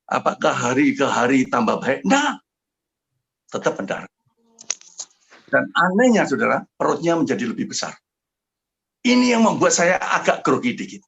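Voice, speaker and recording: An older man preaching a sermon with a personal testimony, fervent, swinging from hushed tones to loud shouted prayer. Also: mid-range voice, big pitch swings, moderate pace, gravelly, pauses often, husky, muffled recording. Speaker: pastor.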